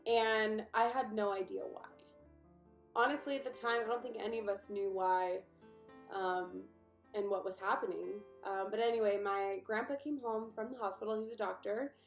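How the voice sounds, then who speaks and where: A young woman vlogger telling a personal story to the camera in a chatty, animated way. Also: mid-range voice, normal speed, roomy sound, soft background music. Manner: chatty and animated, with frequent fillers and asides.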